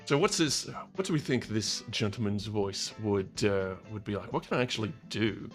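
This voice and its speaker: A man's voice: fairly low pitch, animated, moderate pace, soft background music. A man streaming a video game, chatting playfully and teasing his viewers. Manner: playful, teasing, laughs often. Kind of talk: casual game stream chat.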